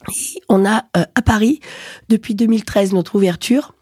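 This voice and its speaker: A woman in her forties, an executive in luxury watch retail, answering interview questions in a measured way, with hesitations, self-corrections and a voice that sometimes cracks. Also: medium pitch, darkish tone, husky, dry recording, studio quality. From Ukrainian roots. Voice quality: voice occasionally cracking.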